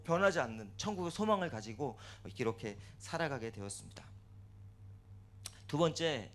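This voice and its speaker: A man's voice: mid-range voice, slight background noise. A male pastor giving a tearful testimony sermon in a church, acting out his prayers aloud as he tells the story.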